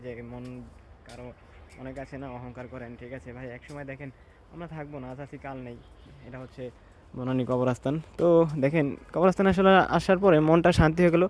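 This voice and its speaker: A man gives a hushed, reflective walking tour of an outdoor graveyard, pausing to read the graves aloud. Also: a little high. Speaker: vlogger. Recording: outdoor ambience noise.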